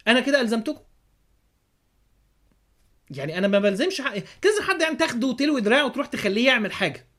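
A man's voice: extremely high pitch, a bit bright. A man with an Egyptian Arabic accent hosting a podcast, giving a religious commentary monologue full of sarcastic rhetorical questions. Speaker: podcast host.

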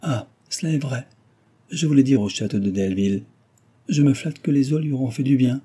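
A man's voice: mid-range voice, lively intonation, normal speed, dark tone, breathy edge, pitched above the performer's own voice. A man voicing a shy, flustered young heiress, speaking in a hesitant, reserved and polite way. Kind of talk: audiobook character reading.

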